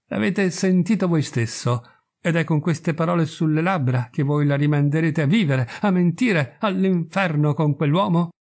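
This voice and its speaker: A man's voice: on the high side, normal speed, voice pushed up, close to an everyday voice. A man voicing a possessive, angry frontier man who makes hard demands in a storybook reading. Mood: demanding. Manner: forceful, possessive.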